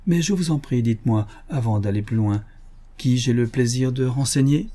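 A shrewd detective with smooth, courteous delivery, read by a man. The voice is mellow and slightly husky. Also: mid-range voice, moderate pace, close to an everyday voice. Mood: suave. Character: shrewd, suave male detective. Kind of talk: audiobook reading.

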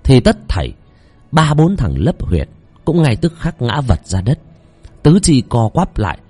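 A man telling a village horror story in a dramatic, expressive voice. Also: fairly low pitch, husky.

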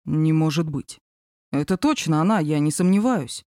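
A woman's voice: sits low, expressive, normal speed, a little mellow, no echo, studio quality. A woman reading a smug teasing boss man. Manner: mocking, self-assured. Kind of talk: audiobook character reading.

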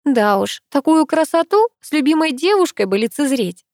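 A woman reading an audiobook who voices a sharp-tongued, flustered young woman with raised, exclamatory lines. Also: fairly high pitch, expressive, normal speed, dry recording, clean studio sound, voice pushed up, close to an everyday voice. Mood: mocking. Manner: loud, mocking, exclamatory.

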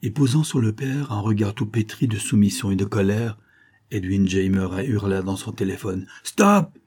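A man reading a short story aloud in a dramatic, expressive way. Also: lowish voice, normal speed, husky. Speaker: narrator. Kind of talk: scripted narration of a short story.

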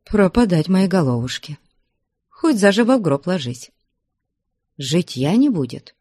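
A woman's voice: fairly low pitch, big pitch swings, measured pace, warm tone, dry recording, studio quality, voice pushed up. A woman reader voicing a frightened young girl in an audiobook. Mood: fearful. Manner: anxious, fearful.

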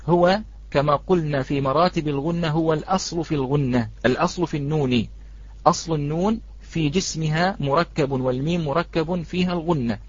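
A man teaching a Quran recitation lesson, patiently repeating his points and slowly reciting examples. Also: on the high side, breathy edge. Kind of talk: online tajweed lesson. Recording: dry, slightly dull.

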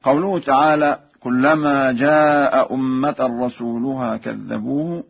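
A man from Egypt teaching Quran recitation readings on the radio, in a formal, measured way. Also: mid-range voice, steady tone, gravelly, slightly rough. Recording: dull lo-fi radio broadcast.

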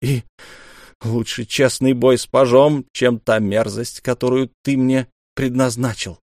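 A man's voice: medium pitch, steady tone, measured pace, darkish tone, no room sound, clean studio sound, natural voice. A man voicing a proud, desperate young noble duelist, pleading in heated, raised outbursts.

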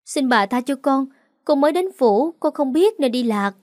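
A quick-witted young servant girl speaks humbly and pleads for mercy, as a woman narrator puts her on. Her voice is high and dry. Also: animated, a little mellow, no room sound. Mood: pleading.

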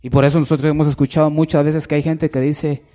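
A man preaching a sermon emphatically, slowing on stressed words and dropping low for asides to his listeners. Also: little pitch movement, mellow. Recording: dull lo-fi recording.

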